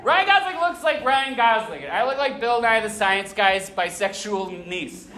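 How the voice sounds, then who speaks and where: A man's voice: high voice, expressive, unhurried. Guy doing a stand-up set into a handheld mic, self-mocking, swears a lot, crowd noise in the room. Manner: self-deprecating, dark humor, swearing. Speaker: stand-up comedian. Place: comedy club stage. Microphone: handheld microphone. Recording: roomy club with audience laughter.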